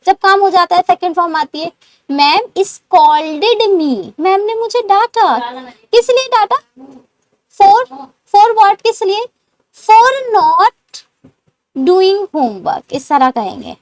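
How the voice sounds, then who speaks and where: A woman teaching English words, explaining in Hindi and modelling slow English sentences for learners to repeat. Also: very high voice, lively intonation, dry recording. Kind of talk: spoken English lesson.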